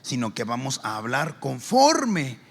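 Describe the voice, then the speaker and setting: A man's voice: mid-range voice, huge pitch swings, unhurried, slightly rough. A male pastor, preaching a sermon and acting out the characters in his stories. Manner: storytelling, acting out every character in turn.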